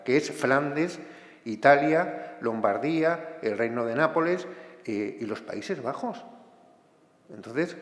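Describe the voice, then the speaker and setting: Impassioned Spanish man speaking in an echoey hall. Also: mid-range voice. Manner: impassioned, gets carried away, many hesitations. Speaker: book author. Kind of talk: lecture-style book presentation. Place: large hall.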